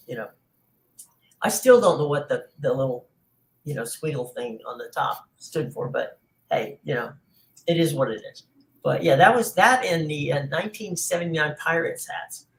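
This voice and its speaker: Male sports host, gravelly tone, loose rambling delivery full of ums. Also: on the high side, poor audio. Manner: rambling, many fillers. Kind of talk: casual sports talk.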